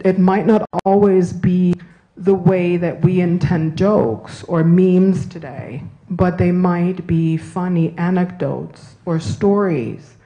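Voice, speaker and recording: Lecturer lady, raised in germany and italy, slightly low voice, talks slow, keeps asking right?. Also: warm tone, dull audio. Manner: discursive, self-correcting, asks "right?". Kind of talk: university lecture and Q&A. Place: university auditorium.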